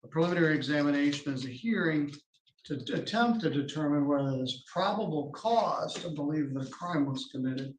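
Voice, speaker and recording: A man presiding over a hearing in a courtroom, reading charges in formal, measured legal language. His voice is wearing thin and the room echoes around him, with faint background noise. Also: on the high side, expressive. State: losing his voice. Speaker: judge. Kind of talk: courtroom proceedings.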